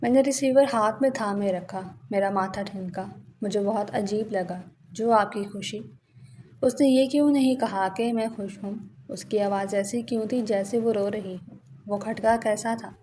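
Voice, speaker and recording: Mellow-voiced woman narrating a moral story. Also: medium pitch, a little hiss or hum. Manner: earnest, emotional. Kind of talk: scripted first-person narration.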